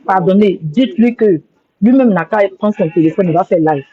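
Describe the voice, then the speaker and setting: A woman's voice: mid-range voice, normal speed. Emotional woman on a lo-fi live stream. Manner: emotional, rambling, apologetic, repeats herself. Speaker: social media livestreamer. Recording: dull lo-fi phone audio.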